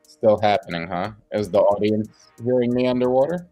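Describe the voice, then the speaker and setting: A man's voice: lowish voice, a little fast, warm tone, faint music behind. A man co-hosting a casual morning livestream chat, joking around, his audio muffled and underwater-sounding. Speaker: co-host.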